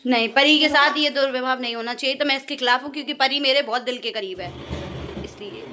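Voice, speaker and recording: High, bright-voiced young woman vlogging. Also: quick pace. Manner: playfully dramatic, mock-outraged, addresses viewers directly. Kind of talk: casual village vlog narration.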